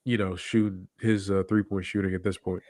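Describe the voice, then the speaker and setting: A man speaks with a stuffy, nasal voice, clearly sick with a cold, sitting a bit low in pitch. He talks through a basketball game in a relaxed, slangy way, pausing on fillers as he thinks. The recording is dry, with no room echo. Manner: laid-back, slangy, thinks out loud with fillers. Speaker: co-host of a basketball podcast. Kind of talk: casual post-game chat.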